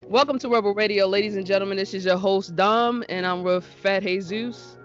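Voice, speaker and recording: A man's voice: sits high, fairly even intonation, brisk, lo-fi sound. Male radio host, casual, faint music behind. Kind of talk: casual radio interview hosting.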